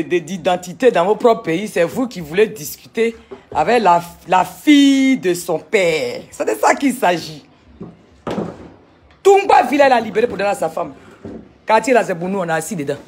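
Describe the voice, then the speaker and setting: A woman, vlogging casually from a sunny village outdoors on a handheld phone, animated and talkative, firing back at critics. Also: on the low side, slight background noise. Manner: animated, chatty, retorts to critics. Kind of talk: casual vlog tour.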